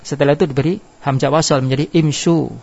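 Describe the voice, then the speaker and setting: A man's voice: a little high, steady tone, fast, creaky, darkish tone. A male teacher giving a grammar lesson, explaining step by step and asking his class questions that he then answers himself. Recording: dull lo-fi classroom recording.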